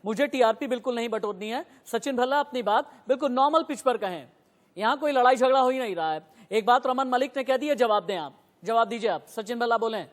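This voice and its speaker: A man's voice: fast, big-room sound. A man moderating a TV news debate who firmly keeps order among his guests. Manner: firm, repeatedly tells a guest to lower his voice.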